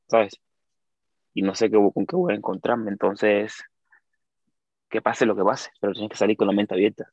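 A man's voice: on the low side, no echo, highs cut off. A man from Cuba with a Cuban accent, a guest talking casually in an interview and often tossing in tag questions. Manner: animated, lots of tag questions. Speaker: guest, YouTuber.

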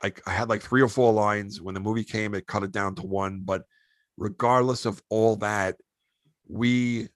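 A man who hosts a podcast, telling animated show-business anecdotes in a casual way. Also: fairly low pitch, moderate pace, dry recording. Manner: animated anecdotes, acts out quoted voices. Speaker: podcast host and actor. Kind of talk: casual storytelling.

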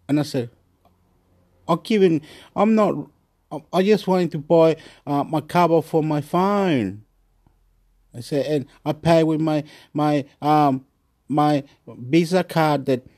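A man's voice: on the high side, a little mellow. A man from Chile, vlogging in a rambling, repetitive rant full of swearing. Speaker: YouTube vlogger.

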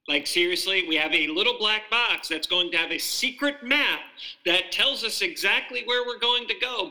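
A man's voice: high voice, bright, forceful tone, rough recording. A man co-hosting a casual podcast chat about a film, talking in a hesitant way with many restarts. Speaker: podcast co-host.

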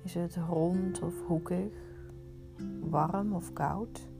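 A woman leading a guided meditation, giving soothing, unhurried instructions with pauses. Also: fairly low pitch, steady tone, gravelly, music in the background.

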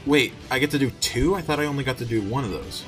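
A man's voice: mid-range voice, quick pace, fairly bright tone, faint music behind. A man playing a tabletop role-playing game, chatting casually and informally as he says what his character does. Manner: informal, sweary.

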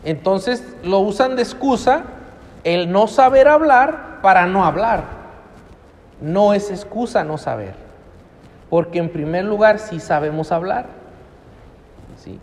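A man's voice: high voice, lively intonation, takes it slowly, long pauses, a little mellow. A middle-aged man with a Mexican accent preaching a sermon in a church hall, emphatic and full of rhetorical questions. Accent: Mexican Spanish. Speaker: pastor. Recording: long church hall reverb.

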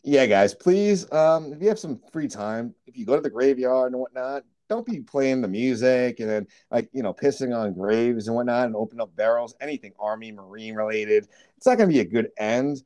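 A man's voice: medium pitch, moderate pace, few pauses, warm tone. A man co-hosting a horror movie podcast, chatting casually and teasing his co-host, often laughing.

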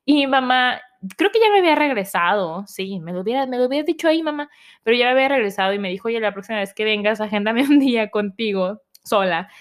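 A young Mexican woman with a Mexican accent, telling a personal story to her viewers in a casual, animated way and acting out her family's voices. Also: a little high, fast. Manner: animated, acts out voices of family, laughs often. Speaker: vlogger.

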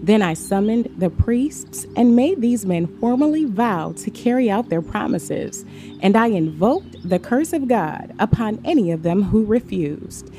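A woman giving a measured, steady scripted Bible reading. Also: mid-range voice. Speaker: scripture reader. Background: faint background music.

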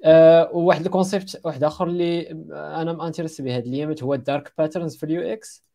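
His voice is gravelly and dark yet on the high side, with a steady tone and a very fast delivery. A Moroccan-accented panelist, he talks casually about design resources, hesitating and repeating words as he looks for them, and mixes in English and French.

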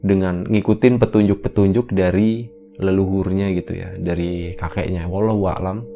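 A man's voice: sits low, fairly even intonation, moderate pace, creaky, muffled recording, slight background noise. Casual man telling a ghost story. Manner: casual, conversational slang with many fillers. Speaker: horror podcast host.

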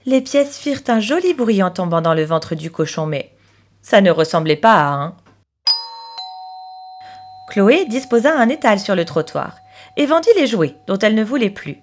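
A woman in her thirties with a gentle, expressive manner, narrating a children's story as the host. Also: mid-range voice, moderate pace, long pauses.

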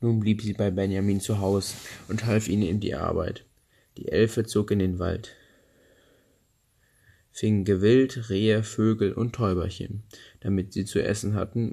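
A man reading a fairy tale aloud as narrator, steady and unhurried, with small slips he corrects. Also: lowish voice, creaky, slightly rough.

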